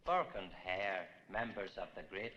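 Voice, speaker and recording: A sly, fawning corpse seller. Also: male voice, sits low, animated, unhurried, pushed and bright, highs cut off, heavily acted. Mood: scheming. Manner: wheedling and ingratiating. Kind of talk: 1960s film acting.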